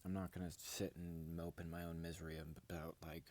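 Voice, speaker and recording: A man's voice: sits low, level tone, a little fast, darkish tone. A man vlogging in a rambling, grandiose monologue straight to his viewers. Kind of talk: casual vlog monologue.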